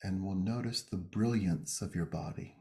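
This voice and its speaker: A man with a low-sitting voice leads a guided meditation and prayer. He speaks gently and unhurriedly in short phrases, pausing between them.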